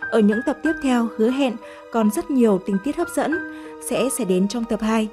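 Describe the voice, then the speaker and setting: A woman narrating an audiobook story in a gentle, measured way. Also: on the high side, over music.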